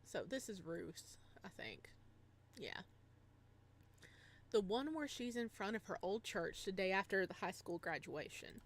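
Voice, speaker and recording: Her voice is medium in pitch with big pitch swings, a little slow, with long pauses. She's a livestreamer and host, bubbly and giggly, chatting casually with viewers, reading a visual novel aloud, and rambling in reaction to the chat and story.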